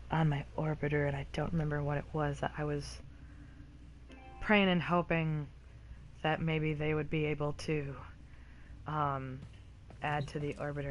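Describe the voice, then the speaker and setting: A woman hosting a casual gameplay video, chatty and rambling with bursts of excitement, still a bit rough-voiced from a cough. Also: low voice, slight background noise.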